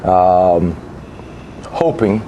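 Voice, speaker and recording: A man speaking as a football coach, giving halting, deliberate unscripted game commentary. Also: low-pitched, dark tone, highs cut off, a little hiss or hum.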